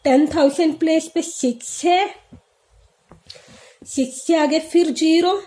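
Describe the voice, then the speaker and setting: Her pitch is extremely high yet her tone is dark, and she moves slowly as she teaches children math. Explaining each step in turn, she keeps asking questions that she then answers on her own.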